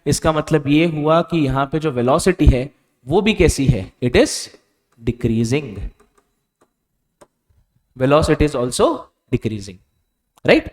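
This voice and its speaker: A male physics teacher giving a board lecture, asking questions and quietly answering them himself. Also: a little high, lively intonation, extremely slow, long pauses. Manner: stretches out key answer words softly. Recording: reverberant room.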